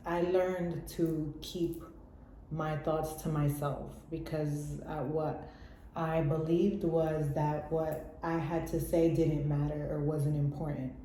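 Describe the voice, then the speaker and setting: A woman's voice: low-pitched, flat delivery, slow, mellow, a little hiss or hum. A woman speaking in a candid, slangy way, laughing often, giving casual motivational life advice as a mother. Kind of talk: casual motivational vlog talk. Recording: roomy echo.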